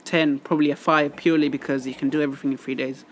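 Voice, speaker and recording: A man's voice: fairly high pitch, little pitch movement, rapid-fire, low-quality recording. Young male, opinionated and slangy casual talk over light background noise. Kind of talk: casual chat.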